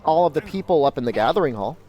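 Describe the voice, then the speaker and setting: Higher-voiced casual male streamer. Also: animated, rapid-fire, dark tone, faint music behind. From Mexico or of Mexican descent. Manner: laid-back, informal, says "dude". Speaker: live streamer. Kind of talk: casual gaming stream commentary, answering chat.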